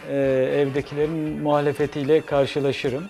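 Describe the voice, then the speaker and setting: A man in his sixties, a cafe owner guest, speaking in a measured, hesitant way with many pauses. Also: on the high side, flat delivery, darkish tone, soft background music. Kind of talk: studio interview. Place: TV studio kitchen set.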